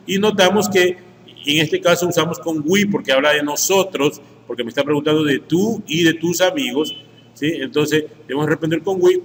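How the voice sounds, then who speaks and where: A man's voice: a little high, a bit bright. Ecuadorian man explaining English grammar step by step. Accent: Ecuadorian Spanish. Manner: explains step by step, tags sentences with "¿sí?". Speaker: English teacher. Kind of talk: screen-share grammar lesson. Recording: echoey room with faint background noise.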